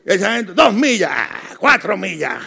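A middle-aged male pastor delivers a lively sermon, spinning jokes and stories and calling out to his listeners. His voice sits high for a man and has a gravelly edge to it. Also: unhurried. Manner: humorous storytelling, calls out to the congregation.

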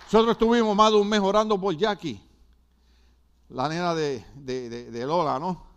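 A man's voice: high-pitched, normal speed, smooth. A middle-aged man from Puerto Rico with a Puerto Rican accent, preaching a sermon with emphatic repetition and asides to the congregation. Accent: Puerto Rican Spanish. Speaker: pastor.

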